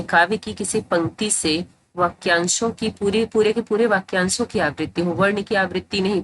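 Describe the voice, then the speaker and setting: A woman's voice: lowish voice, a little hiss or hum, rough recording. Patient woman teaching grammar. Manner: patient, repeats phrases to explain. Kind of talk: explanatory tutorial.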